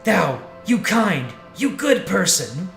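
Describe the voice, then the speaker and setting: A man's voice: high voice, very animated, takes it slowly, gravelly, a bit bright, exaggerated voice. A man voicing a wild young male fighter who talks in childlike broken grammar, in a game playthrough. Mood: earnest. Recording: echoey room, faint music.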